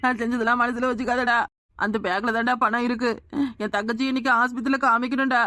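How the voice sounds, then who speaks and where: Tamil lady voicing a cartoon village woman, tirunelveli accent, rapid and high, dry close mic. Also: fairly even intonation, bright, forceful tone, no echo.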